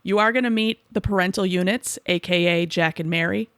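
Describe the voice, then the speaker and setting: A woman in her forties from the Boston suburbs, co-hosting a comedy podcast with teasing, quick quips. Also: on the low side, a bit bright, clean tone, dry recording. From Boston suburbs, USA. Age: 40s. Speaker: podcast co-host. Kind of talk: sarcastic comedic chat.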